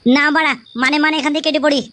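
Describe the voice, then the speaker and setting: Hot-headed cartoon son-in-law, foul-mouthed, quick and high woman voicing. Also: flat delivery, pushed and bright, a little hiss or hum. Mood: indignant. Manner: crude, swearing, indignant. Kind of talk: comic cartoon voice acting.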